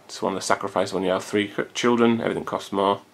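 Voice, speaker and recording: Fast-talking and fairly even in intonation, a deep-voiced man in his thirties rambles to his home camcorder in a hot room, its built-in mic picking him up. A vlogger, he's chatty and loose, with a gravelly fry in his low voice and casual swearing sprinkled throughout.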